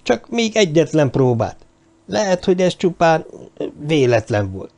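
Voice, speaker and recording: A frightened man in a sickbed, voiced by a male narrator, pleads in a tight, high audiobook voice. He sounds anxious and begs rather than argues. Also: big pitch swings, creaky, a little mellow. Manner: anxious and pleading, pitched well above the narrator. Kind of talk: audiobook character voice.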